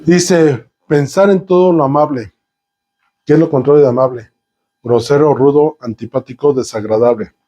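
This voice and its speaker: In a medium-pitched, dark-toned voice, a preacher builds his sermon from heaped synonyms and rhetorical questions. He pulls the congregation into conversation by questioning them.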